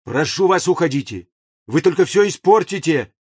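A man's voice: fairly high pitch, expressive, moderate pace, husky, no room sound, clean studio sound. A man voicing an earnest engineer in an audiobook, pleading in a raised, urgent voice.

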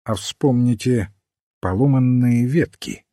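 A man voicing a mild, patient little priest detective who answers calmly and cryptically. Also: mid-range voice, slow pace, no echo, clean studio sound. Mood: calm, cryptic. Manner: calm, gently cryptic.

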